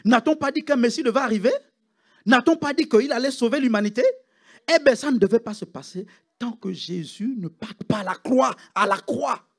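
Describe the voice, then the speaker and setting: A man preaching a sermon as pastor in a church, swinging between loud calls and hushed drops. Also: extremely high pitch, moderate pace, gravelly. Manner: preaching with rising shouts and sudden hushed drops.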